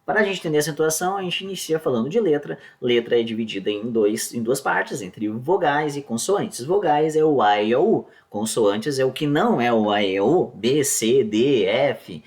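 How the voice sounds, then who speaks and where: A man's voice: mid-range voice, animated, moderate pace, few pauses, darkish tone. A man giving a casual exam-prep grammar lesson, often checking in with the class as he explains. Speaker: teacher.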